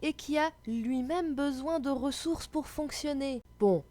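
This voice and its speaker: A woman's voice: high-pitched, a little slow, dark tone. A woman gamer delivers an exasperated rant. She lays things out like a careful explanation, with the sarcasm of a raging player who has had enough. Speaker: gamer telling a gaming story. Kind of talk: gaming rant, explanatory narration.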